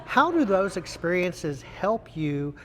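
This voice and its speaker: A man's voice: high-pitched, sing-song, slow pace, fairly bright tone. An American man asking prepared interview questions in a formal, courteous way as the host.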